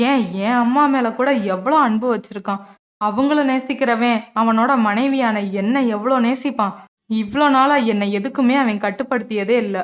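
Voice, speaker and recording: A woman voicing a brave young wife, soft and introspective as she reflects on her love. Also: fairly high pitch, natural voice.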